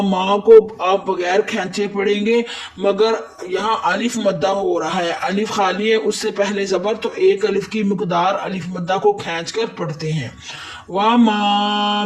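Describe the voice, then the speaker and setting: A man's voice: high voice, steady tone, recorded from a distance. A man teaching Quran recitation rules step by step, patiently repeating each word for drilling. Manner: patient, methodical, repeats words slowly for drilling. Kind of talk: step-by-step tajweed lesson.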